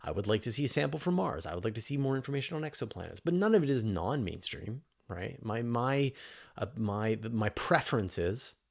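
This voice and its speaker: A journalist hosting a live science question show speaks in a brisk, creaky, medium-pitched voice with lively intonation. He reads questions and answers off the cuff, casual and emphatic, often reworking a thought as he says it.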